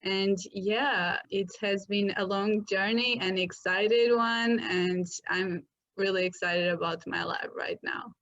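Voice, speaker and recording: A young woman, chatting casually as an interview guest. She sounds upbeat and speaks in loose phrasing with fillers, her voice pitched in the middle range. The recording is dull and lo-fi. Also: fairly even intonation, takes it slowly, fairly bright tone. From Portugal. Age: 20s. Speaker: guest, marketing agency founder.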